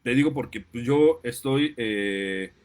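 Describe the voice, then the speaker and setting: A man's voice: medium pitch, slow pace. A man with a Mexican accent, a parent giving an impassioned, indignant monologue that keeps getting heated. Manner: indignant, gets worked up, apologizes for outbursts. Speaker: parent and commentator.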